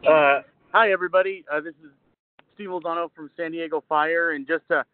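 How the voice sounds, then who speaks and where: A man's voice: on the high side, fairly even intonation, a little fast, smooth, no echo. A man from a fire department, his voice muffled through a face mask, speaking hesitantly with many fillers during a public meeting call. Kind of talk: halting public comment on a call. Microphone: call-in or video call audio. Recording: tinny phone-like line, dry.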